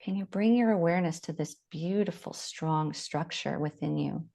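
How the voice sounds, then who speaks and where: In a lowish voice, a woman gently leads a guided body scan, taking her time with each instruction and leaving long pauses.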